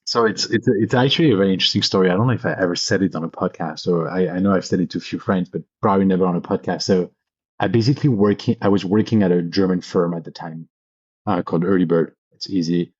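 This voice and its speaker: Low-pitched and slightly rough, this man talks at a quick pace in a muffled recording with no room sound. He's a thirtysomething venture capitalist from Paris, a podcast guest telling personal stories casually and with enthusiasm.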